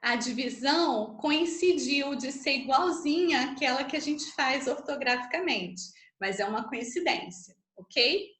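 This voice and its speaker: Brazilian lady teacher going over answers slow and patient, high voice, echoey room. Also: lively intonation, fairly bright tone. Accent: Brazilian Portuguese. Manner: patient, explanatory, checks in with tag questions; counts syllables aloud slowly. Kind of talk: online literature class.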